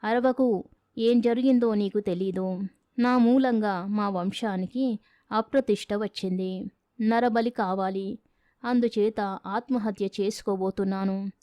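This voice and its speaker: A woman voicing a sneaky young man, the landlord's son, who talks in a hushed, urgent way in a storybook reading. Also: medium pitch, no room sound, close to an everyday voice.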